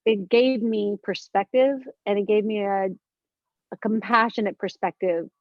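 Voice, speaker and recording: Speaking a little slowly at a medium pitch, this fifty-something guest in a relaxed spiritual chat sounds earnest and searching, doubling back on what she says while thinking out loud. The audio is dry, dull and lo-fi.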